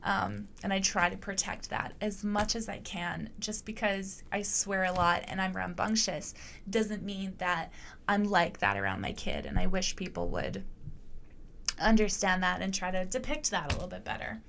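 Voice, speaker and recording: Young adult woman, podcast host, frank and profane, gravelly edge, casual rambling delivery. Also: medium pitch, moderate pace, fairly bright tone, a little hiss or hum. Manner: candid, blunt, swears freely, rambling with many fillers. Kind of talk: casual monologue.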